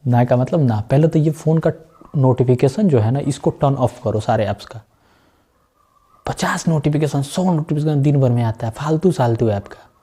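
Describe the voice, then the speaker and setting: A man teaching a math lesson in a loose, chatty way. His voice is dark and mellow, and he keeps checking that the students follow along, dropping in jokey asides. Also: mid-range voice, normal speed, breathy edge. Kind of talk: chatty classroom lesson with side talks.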